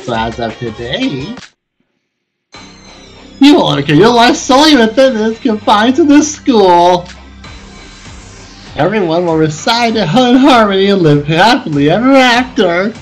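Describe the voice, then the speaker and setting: A woman's voice: medium pitch, very animated, measured pace, long pauses, soft background music. A woman voicing a gleeful villainous bear headmaster from a video game, theatrical and full of sarcastic mock politeness. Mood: mock polite. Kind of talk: video game character dub in a let's play.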